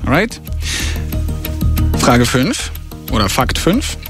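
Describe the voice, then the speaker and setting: A male radio host running an on-air quiz game with a caller, energetic and slangy, dropping in English words. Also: medium pitch, slow pace, over music. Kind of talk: upbeat radio game show hosting.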